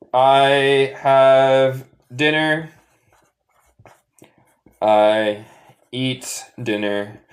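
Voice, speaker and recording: An American man with a Northern US accent, a native English speaker, teaching English in Spanish with slow, drawn-out model phrases in a live online lesson. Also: medium pitch, a bit bright. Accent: Northern US (Michigan). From United States. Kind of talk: live online lesson, reading chat questions.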